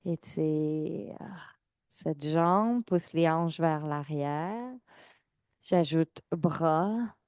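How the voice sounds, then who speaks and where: A woman fitness instructor, giving calm, measured exercise cues and counting reps. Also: sits low, clear, resonant tone, dry recording. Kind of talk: guided exercise class cues.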